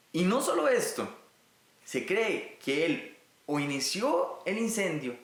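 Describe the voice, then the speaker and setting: A man from Costa Rica earnestly teaches a recorded Bible lesson, addressing his listeners directly. His high voice is a bit bright and reverberant.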